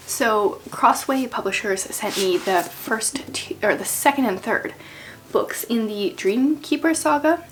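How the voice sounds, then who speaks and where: A woman in her thirties chatting casually about books, her voice rough and strained, rambling with many fillers. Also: a little high, poor audio. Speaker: book vlogger. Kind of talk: casual chat.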